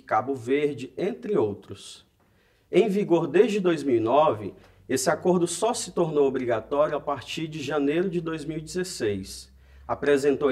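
A man's voice: fairly high pitch, husky. A man from Brazil giving a recorded lesson as a teacher, explaining step by step and addressing viewers directly. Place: educational studio.

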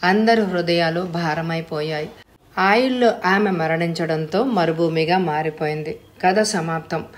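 A woman narrating an audiobook with low-pitched, expressive delivery. She leans into the emotion of the story as she reads. The storytelling tone stays steady and clear. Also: measured pace, slight background noise.

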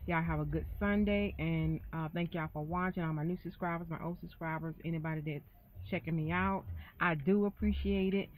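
A woman's voice: fairly low pitch, steady tone, fairly quick, low-quality recording. A middle-aged woman vlogging casually from a parked car, talking in a rambling, folksy way into a tablet camera. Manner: rambling, folksy, says y'all often. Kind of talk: casual chatty car vlog. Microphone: tablet camera held close.

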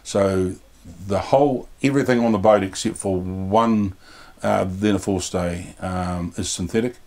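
A man's voice: low-pitched, normal speed, a little mellow. A New Zealand man in his sixties, a boatbuilder talking casually in a yacht cabin on a lapel mic, plain-spoken and rambling with many fillers. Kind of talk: casual interview.

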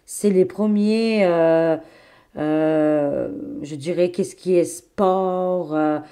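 A woman's voice: fairly low pitch, drawn-out words, mellow, smooth. A woman doing a casual spoken tarot reading for her viewers, chatty and exclamatory, calling them her friends. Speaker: tarot card reader.

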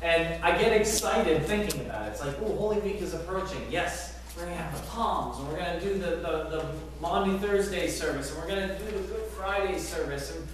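A middle-aged man preaching a sermon as pastor, animated, asking the congregation rhetorical questions. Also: a little high, fairly quick, few pauses. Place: large church sanctuary, indoors. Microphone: far camera at back of church. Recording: very echoey sanctuary from far off.

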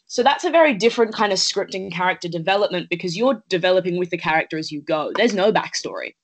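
A woman's voice: lowish voice, expressive, quick pace, rough recording. A young woman in her late teens from Australia, an actress talking earnestly in a casual interview over a video call from home, thoughtful and chatty with plenty of fillers. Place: indoors at home. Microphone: laptop webcam on a video call.

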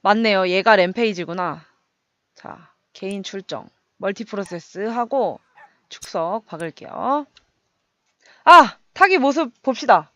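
A young woman casually commenting on her gameplay, chatty and excitable, making little sound effects as she fights. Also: mid-range voice, unhurried, no room sound, dull audio. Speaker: game streamer.

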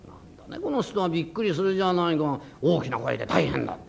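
A man's voice: fairly high pitch, big pitch swings, fast talker, vocal fry, slightly rough, heavily acted. A man doing a chiding, sensible shopkeeper's wife. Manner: soft, chiding, practical. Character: sensible, scolding middle-aged shopkeeper's wife. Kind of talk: rakugo storytelling. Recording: dull lo-fi old recording.

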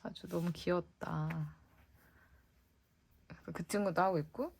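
A woman's voice: lowish voice, slow pace, gravelly, darkish tone. A young woman chatting casually while decorating a diary, musing aloud and sometimes whispering to herself. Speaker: vlogger.

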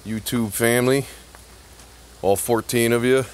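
A man's voice: mid-range voice, fairly even intonation, a little slow, a little hiss or hum. A middle-aged man from Connecticut filming a casual, rambling vlog outdoors on a handheld phone, joking and sarcastic as he jumps from topic to topic. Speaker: YouTube vlogger and truck tinkerer. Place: outdoor gravel yard. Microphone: handheld phone camera, speaker off-screen.

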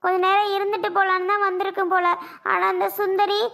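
An emotional young mother from a cartoon, played by a woman. The voice is high and bright, with a pleading, tearful tone. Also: steady tone, normal speed. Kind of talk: cartoon voice acting.

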